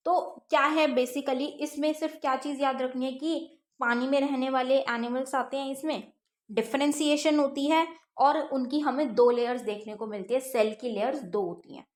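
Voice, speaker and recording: A woman with a high, light voice teaching an exam-prep science class. She reads each textbook line slowly, then explains it plainly, asking a question and answering it herself. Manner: explains step by step, asks and answers her own questions.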